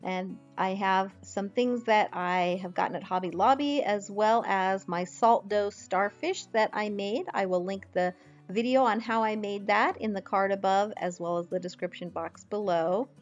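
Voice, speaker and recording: A woman's voice: medium pitch, moderate pace, highs cut off. A woman home vlogger casually narrating a makeover video in a pleased, chatty, step-by-step way. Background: background music.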